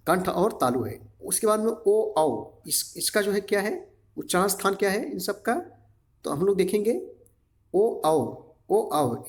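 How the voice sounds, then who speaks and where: A male teacher giving an exam-prep grammar lesson, sounding out syllables one by one and repeatedly asking the class a question before answering it himself. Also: high voice. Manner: drills syllables aloud, asks and answers his own questions; repeats a quiz-style question to the class again and again.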